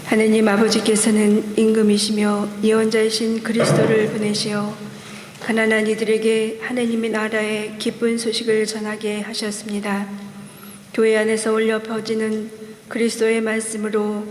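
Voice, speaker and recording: A woman acting as lector, giving liturgical announcements in a slow, even, measured recitation, her voice carrying a cathedral-like echo in a church. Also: fairly high pitch. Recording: echoey church hall, background noise.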